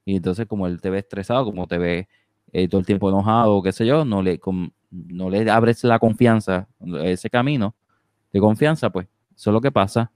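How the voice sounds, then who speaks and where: Man, low pitch, smooth voice, casual talk, fillers, tag questions, dry close sound. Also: normal speed, darkish tone, dry recording. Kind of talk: casual conversation.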